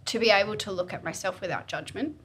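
A woman's voice: mid-range voice, fast talker, slightly rough. A woman in her twenties, a podcast guest, talking candidly and animatedly in casual chat. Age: 20s. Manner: candid, animated, acts out quoted voices.

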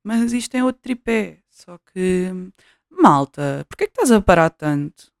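A young woman with a European Portuguese accent vlogs casually from home, checking out a new cheap USB mic with shifting placement. Her medium-pitched, gravelly voice has lively intonation and an unhurried pace, captured at studio quality with no room sound. She's chatty and scattered, often restarting and using fillers.

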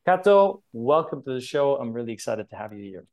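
A man's voice: medium pitch, big pitch swings, fairly quick, darkish tone. A man hosting an interview podcast, speaking upbeat and emphatic, addressing listeners directly like friends. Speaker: podcast host.

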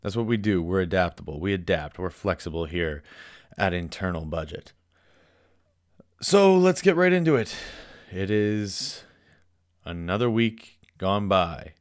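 A man's voice: sits low, lively intonation, a little slow, long pauses, no room sound, studio quality. A man in his twenties with a Canadian accent hosting a casual solo sports podcast in a chatty, informal, playfully self-deprecating way. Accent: Canadian English. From Ontario, Canada. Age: 20s. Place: basement den at home.

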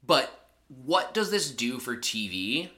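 A man's voice: medium pitch, big pitch swings, takes it slowly, sharp tone. A man co-hosting a podcast, speculating about a reality show in casual chat with wry quips. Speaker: podcast co-host and editor.

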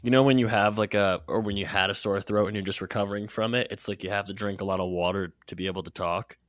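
Deep-voiced man, nasal from a cold. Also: steady tone, fast, no room sound, studio quality. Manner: joking, stammers into sentences. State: nasal, getting over a cold. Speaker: podcast co-host. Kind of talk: casual sports podcast chat.

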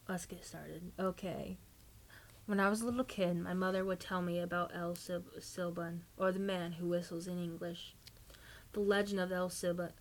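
A woman's voice: on the low side, slight background noise, rough recording. A woman podcast host chatting casually and reading a spooky story aloud.

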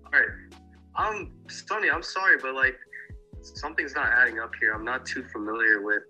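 Bright-voiced young man, puzzled and hesitant. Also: medium pitch, normal speed, muffled recording, faint music behind. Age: young adult. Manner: hesitant, puzzled, many fillers. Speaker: prank call target. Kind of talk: phone conversation.

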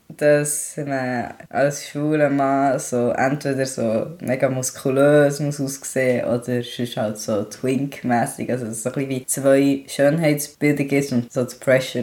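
A young man hosting a podcast, talking calmly and quietly in casual chat. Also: mid-range voice, a little slow. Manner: calm, quiet talker, rises when emotional. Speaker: podcast host.

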